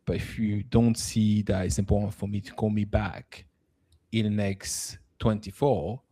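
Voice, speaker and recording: A man's voice: on the low side, level tone, a little slow, dark tone. A man co-hosting a spiritual talk, giving relationship advice with hesitant fillers. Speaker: co-host.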